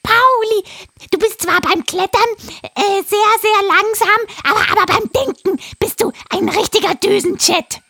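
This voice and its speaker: A woman voicing an excitable male parrot in a children's story, talking in excited, stammering squawks. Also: extremely high pitch, unhurried, dry recording, studio quality, pitched above the performer's own voice, full character voice. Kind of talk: storybook voice acting.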